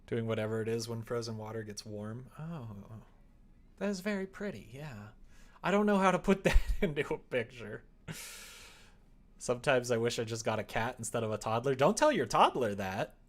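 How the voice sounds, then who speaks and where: A live streamer building a visual novel chats casually as he works, muttering and rambling with joking asides. His mid-range voice has lively intonation, and he speaks at a normal speed.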